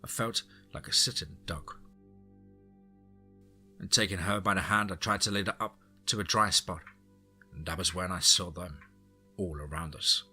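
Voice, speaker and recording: A man's voice: sits low, fairly even intonation, normal speed, long pauses, husky. A man narrating a first-person horror story in a dramatic, suspenseful way. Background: soft background music.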